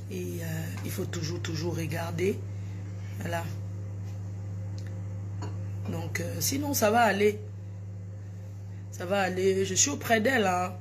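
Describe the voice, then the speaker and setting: Woman doing a morning live, chatty and soft, calls everyone sweetheart, bit of hum in the back. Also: on the low side. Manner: chatty, greets viewers affectionately; speaks softly in the morning. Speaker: live-stream host. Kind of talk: casual morning live stream.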